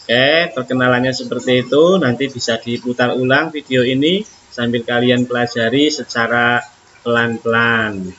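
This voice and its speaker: Indonesian guy teaching online, real slow, kinda lo-fi with some hiss. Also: medium pitch, pushed and bright. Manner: slow, explanatory, with drawn-out recitation. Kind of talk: online religious lesson. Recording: dull lo-fi audio, faint noise.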